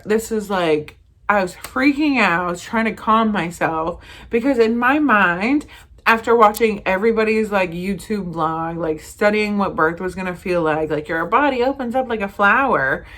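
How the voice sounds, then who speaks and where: A young woman vlogger tells a personal story straight to camera in a loose, chatty way. Her pitch sits in an ordinary middle range, and she keeps slipping in fillers and little acted-out quotes. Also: expressive, moderate pace, fairly bright tone.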